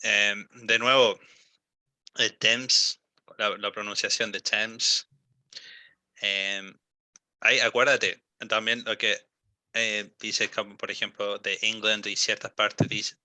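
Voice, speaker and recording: A young man coaching a student's English pronunciation over a call. He is patient, models each word slowly and fills gaps with ums and eh. His voice is bright and sharp, recorded dry and close. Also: lowish voice, steady tone, no room sound. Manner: patient, repeats and models words slowly, many fillers. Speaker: English teacher.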